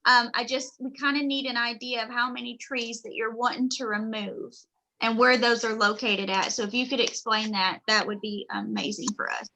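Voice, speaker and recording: A woman's voice: on the high side, little pitch movement, moderate pace, sharp tone, poor audio. Kentucky woman losing her voice. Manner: explanatory, apologetic, informal. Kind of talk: public meeting discussion.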